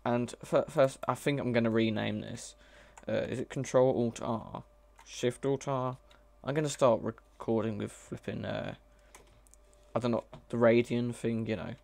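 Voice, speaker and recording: Man, gravelly voice, casual live-coding chatter, halting and self-correcting. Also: mid-range voice, fairly even intonation, darkish tone. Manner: thinks aloud, hesitant, self-correcting. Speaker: mod developer streaming live.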